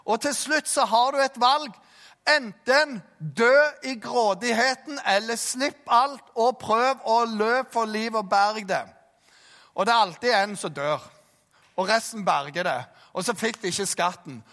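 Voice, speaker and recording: Animated Jæren preacher with a high, bright voice. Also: male voice. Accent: Jæren Norwegian. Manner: animated, acts out voices and shouts in stories. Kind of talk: sermon with storytelling. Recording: long reverb of a large hall.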